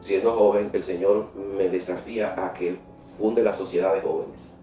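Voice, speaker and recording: A middle-aged man tells his faith story with a low, warm, mellow voice, stumbling over repeated words when he gets excited. He is heard from a distance in an echoey church room, with faint music behind him. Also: normal speed, lo-fi sound. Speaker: interview guest giving a faith testimony. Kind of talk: emotional personal testimony.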